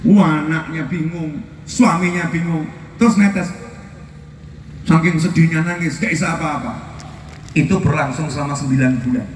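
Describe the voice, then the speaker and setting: A man preaching a lively sermon to a crowd, animated, often shouting and mimicking people. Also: a little high, normal speed, a little hiss or hum. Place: outdoor field gathering. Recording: echoey, distant mic outdoors.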